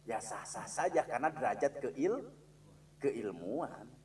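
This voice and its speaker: Captured from a distance, a man with a medium-pitched voice and lively intonation leads a religious lesson in a mosque. Speaking with a Sundanese accent, he slips Sundanese into his Indonesian, keeps questioning his listeners, and chants Quranic verses loudly and slowly as examples.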